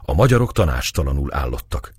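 Brief: male audiobook narrator, low husky voice, dry close recording. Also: very animated, no echo. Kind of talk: scripted narration of a historical novel.

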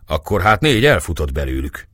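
A man voicing a calm, kindly older captain who speaks in a fatherly, measured way. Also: low-pitched, no room sound, clean studio sound, exaggerated voice.

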